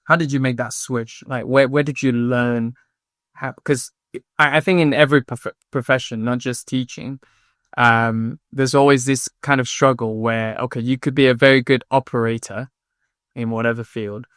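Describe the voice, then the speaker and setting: Smooth-voiced man hosting a podcast. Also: medium pitch, fairly even intonation, fairly bright tone, no echo, clean studio sound. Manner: halting, repeats words while thinking. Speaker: podcast host. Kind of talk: podcast interview.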